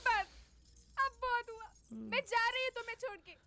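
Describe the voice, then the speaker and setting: A woman's voice: very high voice, steady tone, normal speed, bright, forceful tone, soft background music. An actress playing a fed-up young wife who scolds her husband and storms out. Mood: exasperated. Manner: indignant, scolding. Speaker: wife in a dream.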